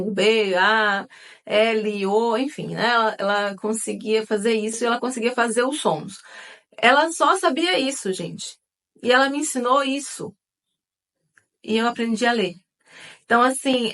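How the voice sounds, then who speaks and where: A woman's voice: a little high, a bit bright. A woman hosting her own book channel, chatting casually with viewers and using lots of fillers. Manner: chatty, many fillers, addresses viewers as "gente".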